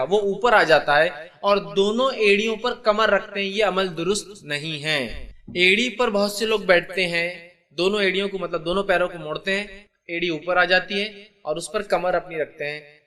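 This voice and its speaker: A man's voice: high voice, sharp tone. A man giving a religious lecture on the rules of prayer, explaining step by step and checking that listeners follow. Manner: explanatory, asks listeners "understand?". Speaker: Islamic preacher.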